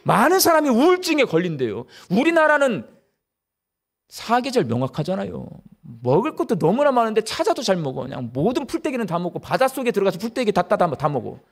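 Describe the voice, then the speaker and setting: A middle-aged man preaching a sermon in church, animated and firing rhetorical questions at the congregation. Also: sits high, fairly quick. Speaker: pastor. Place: church during a live service.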